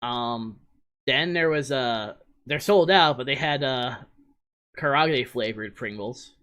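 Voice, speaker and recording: A man's voice: mid-range voice, takes it slowly, a bit bright, smooth. A man from New Jersey hosting a podcast, chatting casually and rambling through a list of snack flavors. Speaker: podcast host. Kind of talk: casual chat.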